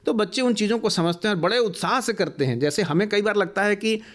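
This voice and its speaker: A man's voice: high-pitched, fast talker, fairly bright tone. A man being interviewed in a radio studio, speaking earnestly about education and listing ideas at length. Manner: earnest, explanatory, builds long lists of values.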